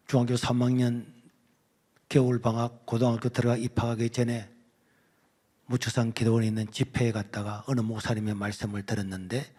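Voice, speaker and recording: A man's voice: mid-range voice, breathy edge. A man, a guest pastor giving an emotional personal testimony in a sermon. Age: 60s. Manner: emotional storytelling, swinging between hushed and loud.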